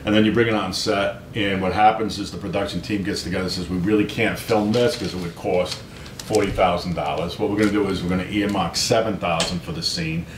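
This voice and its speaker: A middle-aged American man, brisk and chatty, appears as an interview guest telling anecdotes in a self-deprecating, conversational way, constantly tacking on "right?" and "you know." The recording has a roomy echo and a low rumbling background noise.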